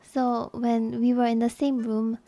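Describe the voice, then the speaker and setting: A woman's voice: fairly high pitch, flat delivery, unhurried, dark tone, no room sound. A young adult woman streamer chatting casually and candidly with her viewers, laughing often and swearing freely.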